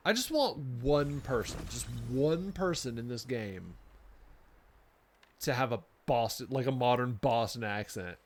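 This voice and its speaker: A man's voice: medium pitch, lively intonation, a little slow, a little hiss or hum. A man streaming a video game, making self-mocking jokes as he plays. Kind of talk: gameplay commentary.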